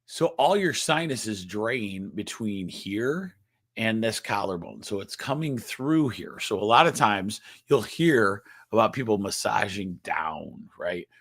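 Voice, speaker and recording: A chiropractor hosting a live online session explains health topics in a nasal, somewhat low-pitched, slightly bright voice with lively intonation. He's halting, often restarting phrases and tacking on quick "okay?" and "right?" check-ins. The audio is close and dry, with no room echo.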